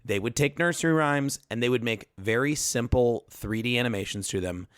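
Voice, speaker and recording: A man's voice: mid-range voice, brisk, a bit bright, no room sound, clean studio sound. A man on a podcast telling a long, rambling story, often breaking off and circling back. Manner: rambling storyteller, self-interrupting. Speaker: podcast co-host. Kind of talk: casual podcast chat.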